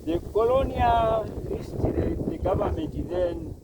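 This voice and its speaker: A man interpreting an interview outdoors, translating in halting phrases. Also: sits high, lively intonation. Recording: windy outdoor recording, distant mic, boat noise.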